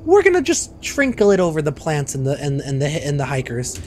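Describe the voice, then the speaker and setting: A young man in his twenties giving casual, joking commentary while streaming a game, with loud outbursts and swearing, on a studio mic. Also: a little high, huge pitch swings, fairly quick, a little hiss or hum. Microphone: studio mic on arm.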